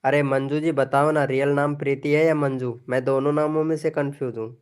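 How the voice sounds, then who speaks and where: A man's voice: mid-range voice, level tone, a little fast, a little mellow, smooth. A man hosting a casual live stream, playfully teasing viewers as he reads their messages. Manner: playful, teasing, chuckling often.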